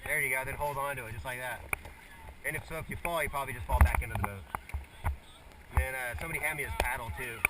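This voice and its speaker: A man working as a rafting guide, chatting casually and giving easy, informal instructions to his crew outdoors on a river. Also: mid-range voice. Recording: distant mic, loud rushing water noise.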